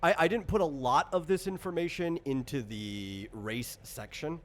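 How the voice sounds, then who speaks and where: On an online voice call recorded on a computer, a game designer with a somewhat high voice and normal speaking speed hosts a casual chat about tabletop character creation. He explains in a rambling, self-correcting way, with clear background noise on the voice chat.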